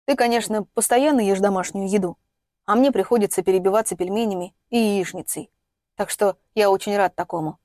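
A woman's voice: medium pitch, fairly quick, darkish tone, no room sound, studio quality, close to an everyday voice. A woman reading as an earnest young man. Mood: hushed, pleased. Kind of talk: audiobook reading.

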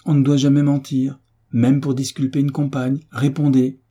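A man's voice: a little high, fairly even intonation, measured pace, mellow, voice pushed up, close to an everyday voice. A man voicing a stern woman teacher at a convent school, speaking in a severe, reproving way in a storybook reading.

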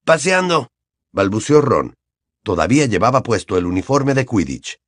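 Guy reading an audiobook, very animated pitch, dry close mic. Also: normal speed, dry recording. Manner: expressive storytelling. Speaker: audiobook narrator. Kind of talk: scripted narration.

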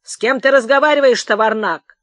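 Bossy rural clerk, man, curt and loud, read by a woman. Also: fairly high pitch, brisk, no room sound, voice pushed up, lightly acted. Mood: commanding. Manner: barking, curt. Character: stern village clerk, man, commanding.

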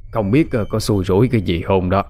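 A man with a Southern Vietnamese accent voicing an elderly village uncle who speaks slowly and warns with grudging caution. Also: lowish voice, darkish tone, natural voice.

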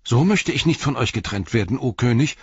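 A man's voice: medium pitch, expressive, a little fast, a little mellow, husky, pitched above the performer's own voice. A man reading the lines of a small, loyal young hobbit who pleads and stammers, in a dull lo-fi audiobook recording. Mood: pleading.

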